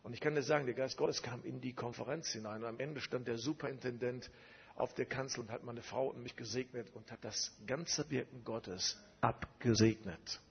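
A man's voice: medium pitch, moderate pace, creaky, slightly rough, lo-fi sound. A man preaching a sermon, telling a personal story emphatically and repeating phrases.

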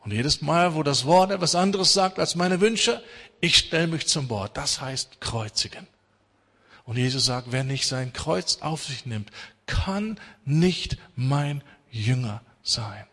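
A middle-aged man preaches with emphasis, rising to loud urging and dropping to hushed intensity. His voice is bright and cutting yet husky. The sound carries a long reverb, as in a large hall. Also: fairly high pitch, unhurried. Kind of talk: sermon.

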